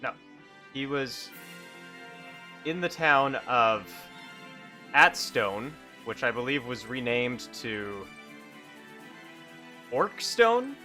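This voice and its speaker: A hungover man improvising casual narration as a solo game master, halting and correcting himself as he goes. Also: medium pitch, big pitch swings, pushed and bright, faint music behind.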